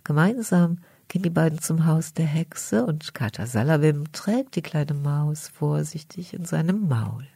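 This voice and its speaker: A woman reading a children's story aloud in a calm, soft manner, often dropping close to a whisper. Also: low voice, measured pace, vocal fry, hardly any pauses, breathy edge, no room sound.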